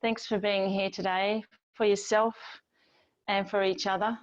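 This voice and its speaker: A female yoga teacher gently guides breath and body awareness, speaking very slowly at a medium pitch with little pitch movement. She leaves long, soothing pauses between phrases, and the recording sounds slightly dull and lo-fi.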